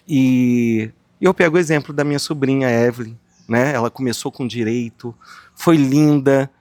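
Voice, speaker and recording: A Brazilian man speaking as a guest psychologist on a podcast, talking in a warm, rambling way with frequent tag questions. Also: medium pitch, no room sound. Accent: Brazilian Portuguese. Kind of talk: casual podcast conversation.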